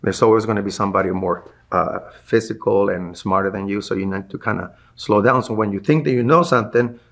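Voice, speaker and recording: A middle-aged man with a low, husky voice tells a story from his past as a martial arts instructor being interviewed. His voice has a gravelly rasp. He acts out the people he quotes as he goes. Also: brisk, fairly bright tone. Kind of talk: recounting a personal story in an interview.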